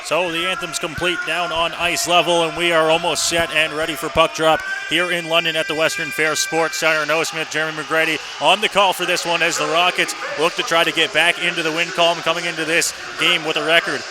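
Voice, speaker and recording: A man calls a live ice hockey game on the radio as play-by-play announcer, broadcasting from the arena with faint noise in the background. His voice is on the high side with little pitch movement, a little fast, and he hardly pauses.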